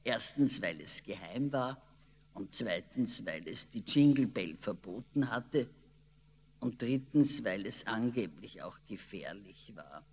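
Slow, expressive male storyteller. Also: lowish voice, slight background noise. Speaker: narrator. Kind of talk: storybook reading. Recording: long reverb.

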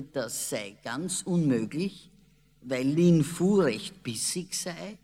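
A man narrating a children's story in a slow, expressive way. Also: medium pitch. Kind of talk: storybook reading. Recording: long reverb.

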